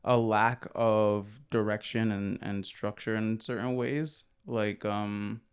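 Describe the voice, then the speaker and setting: A man's voice: on the low side, steady tone, slow, clear, resonant tone. A young man co-hosting a podcast, talking in a rambling, hesitant way with many fillers. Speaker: podcast co-host. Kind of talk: casual conversation.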